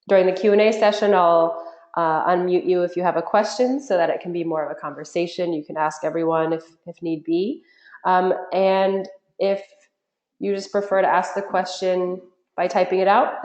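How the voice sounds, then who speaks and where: Brief: stuffy-nosed woman host, chatty and informal, lower-pitched, recorded through an echoey computer mic. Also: a little mellow. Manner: friendly, chatty, frequent ums. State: nasal from a cold. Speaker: webinar host. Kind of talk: live webinar presentation. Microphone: computer mic on a web call. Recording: echoey room on a web call.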